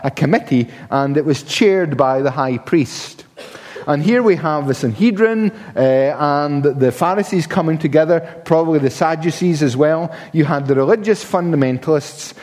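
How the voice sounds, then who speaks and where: A man's voice: fairly high pitch, darkish tone. Guy giving a sermon, emphatic, stumbles and restarts, big echoey hall. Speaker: preacher. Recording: long reverb of a large hall.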